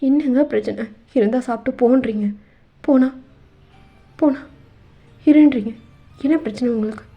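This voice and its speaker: A woman voicing an anxious young wife in a fan audio drama, who keeps pleading and asking questions and climbs higher when upset. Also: moderate pace, long pauses, lo-fi sound. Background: faint background music.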